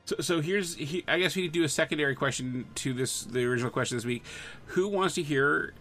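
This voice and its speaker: Give me a bright-toned man casually hosting a podcast, soft music underneath. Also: fairly high pitch, fairly quick. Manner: playful, rambling. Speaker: podcast host. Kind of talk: casual chat.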